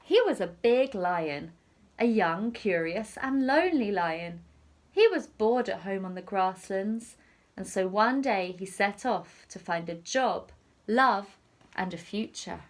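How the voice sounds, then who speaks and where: A female teacher reads a picture book out loud to small children, telling the story expressively and with deliberate care. Her voice sits in the mid range.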